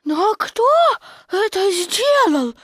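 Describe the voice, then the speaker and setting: A woman's voice: sing-song, slow, no room sound, studio quality, exaggerated voice. A woman voicing a tiny, eager young kangaroo boy in a storybook reading. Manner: squeaky, eager.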